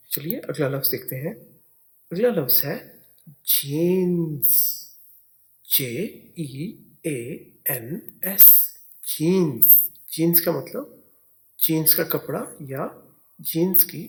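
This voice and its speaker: A man teaching English spelling and pronunciation, spelling words out letter by letter. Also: fairly high pitch. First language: Urdu.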